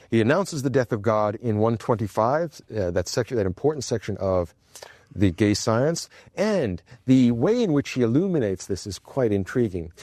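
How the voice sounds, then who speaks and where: A man giving a university philosophy lecture, expressive and wry, chuckling mid-sentence and dropping low and slow for emphasis. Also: no echo.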